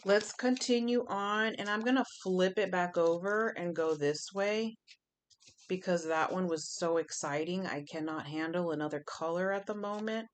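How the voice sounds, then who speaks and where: A woman's voice: lowish voice, moderate pace, a little hiss or hum. A woman giving a chatty pick-a-pile tarot reading, emphatic and fond of repeating her phrases. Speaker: tarot reader.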